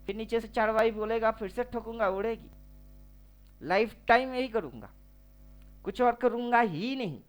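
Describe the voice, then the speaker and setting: A man's voice: high-pitched, normal speed, pauses often, soft background music. A man teaching trading over a chart, slangy and teasing, firing off rhetorical questions.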